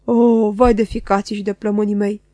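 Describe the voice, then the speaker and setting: A woman's voice: medium pitch, flat delivery, dark tone, dry recording, natural voice. A woman voicing a ragged old male junk dealer who groans and wails in a rising and falling singsong. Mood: shouting.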